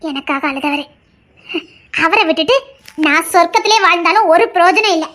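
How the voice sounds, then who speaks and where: A woman's voice: extremely high pitch, normal speed, pushed and bright. A woman voicing a stubborn, loving young wife in an audio drama, talking earnestly and insistently. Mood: devoted, pleading.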